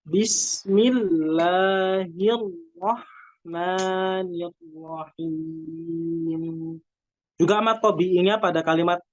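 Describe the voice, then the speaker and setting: An Indonesian man teaching Quran recitation rules, explaining step by step and then reciting slow, drawn-out examples. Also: sits high, no echo. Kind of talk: tajwid lesson with recited examples. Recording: dull, dry lo-fi recording.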